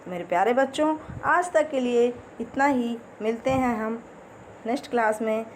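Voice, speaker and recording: A woman's voice: on the high side, slight background noise. Patient woman teaching small children. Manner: patient, sings rhymes slowly and repeats words. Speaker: primary school teacher. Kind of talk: online Hindi lesson for young children.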